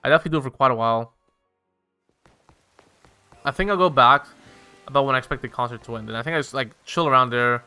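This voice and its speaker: A man's voice: medium pitch, fast, pauses often, sharp tone, clean tone, soft background music. A young man casually telling a rambling, profane story while he plays a game. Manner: rambling, profane, filler-heavy.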